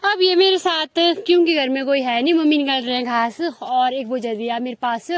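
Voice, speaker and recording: A village vlogger with a Himachali Pahadi Hindi accent chats casually to her viewers, rambling with plenty of fillers. Her voice is high-pitched and she talks at a normal speed.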